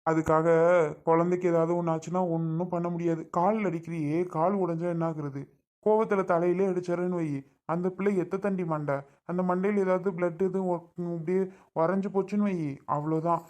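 A woman's voice: lowish voice, steady tone, a little fast, a little mellow, close to an everyday voice. A woman playing a father who scolds and lectures his wife about the children. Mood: lecturing. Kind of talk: family skit acting.

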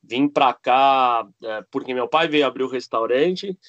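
A man's voice: medium pitch, a little slow, fairly bright tone, no echo, lo-fi sound. A man from Argentina, a cook and architect chatting as a podcast guest, rambling with many fillers and restarts. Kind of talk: casual interview chat.

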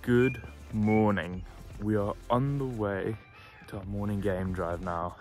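A man's voice: fairly low pitch, steady tone, slow pace, a little mellow, faint music behind. A man talking casually to camera as a travel vlogger on safari.

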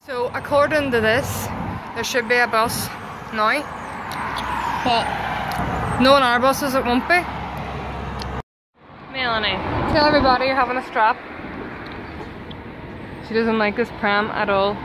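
A young woman with a slightly high voice vlogs from home and out around town, filming on a handheld camera. She chats breezily, coos at her baby and cats, and drops the odd swear word. A faint hum of noise runs underneath her voice. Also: measured pace, long pauses. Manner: chatty, talks to her baby and pets, swears casually. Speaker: vlogger. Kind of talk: casual vlog chat.

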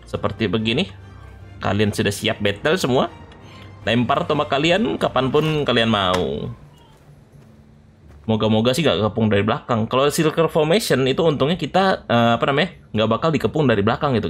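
A man giving excitable let's play commentary, shouting orders at his troops during battles. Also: mid-range voice, fairly quick. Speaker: gaming YouTuber. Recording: game music behind the voice.

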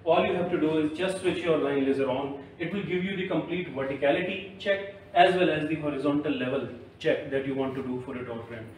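A man's voice: on the high side, fairly even intonation, brisk, hardly any pauses, slight background noise. A man with an Indian English accent presenting tools on a construction site in a persuasive way. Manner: persuasive, keeps recommending. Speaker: product presenter. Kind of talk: on-site product demo chat. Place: construction site, then service center. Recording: echoey site from a distance.

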